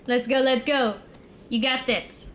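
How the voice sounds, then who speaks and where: A woman's voice: sits high, steady tone, measured pace, fairly bright tone, a little hiss or hum. A young woman chatting casually as a livestream co-host, with a cute, bubbly anime-streamer delivery.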